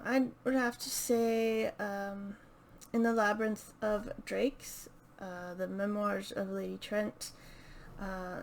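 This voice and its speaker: With a fairly high-pitched voice and some vocal fry, a woman talks about books to camera in a casual, unscripted chat for her video channel. She hesitates and thinks aloud, and there's slight background noise.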